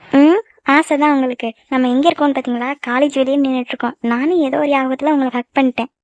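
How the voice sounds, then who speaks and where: A woman's voice: high-pitched, steady tone, quick pace, dry recording, close to an everyday voice. A woman voicing a young college girl in love in a cartoon, pleading and teary with her sweetheart. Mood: shy affectionate. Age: young adult. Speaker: voice actor. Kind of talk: cartoon love-story dialogue. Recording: dull lo-fi dry recording.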